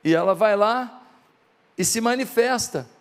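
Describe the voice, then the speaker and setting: A man's voice: high voice, a little slow, in a large hall. A male pastor from Brazil preaching a sermon, asking his listeners questions and acting out dialogue. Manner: acts out quoted dialogue in softer voices; asks the congregation rhetorical questions.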